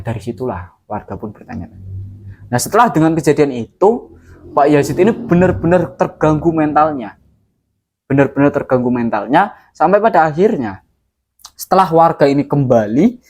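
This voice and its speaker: A man's voice: fairly high pitch, a little mellow. A man telling a true horror story in a casual, dramatic way, often speaking directly to his listeners.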